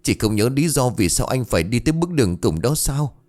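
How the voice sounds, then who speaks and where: A man voicing a gentle, consoling village woman. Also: medium pitch, big pitch swings, a little fast, natural voice. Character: kind, sorrowful poor village woman.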